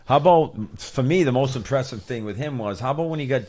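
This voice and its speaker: A man's voice: medium pitch, fast talker, darkish tone. A man hosting an interview, chiming in eagerly with short reactions. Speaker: host. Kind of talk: casual interview chat.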